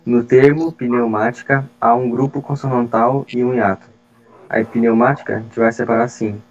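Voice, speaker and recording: A man explains grammar answers one step at a time on a video call. His voice sits at an ordinary pitch. The call audio is dull and lo-fi. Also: fairly even intonation, moderate pace. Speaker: study group leader explaining exam questions.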